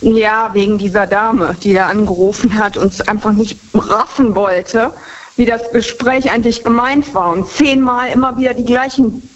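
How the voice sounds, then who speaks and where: An older woman caller chatting casually, haltingly searching for her words. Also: on the high side. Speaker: radio phone-in caller. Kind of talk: casual phone chat. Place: on the phone. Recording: dull, lo-fi phone line.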